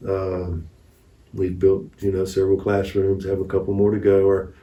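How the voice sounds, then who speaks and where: In a low-pitched, mellow monotone at moderate speed, a man tells conversational mission tales as an interview guest, in a folksy, anecdotal manner. The audio sounds muffled, with echo from the room and a distant mic.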